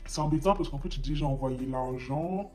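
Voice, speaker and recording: A woman imitating a hesitant male buyer who speaks in a lowered, apologetic way. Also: normal speed, warm tone, faint music behind. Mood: sheepish.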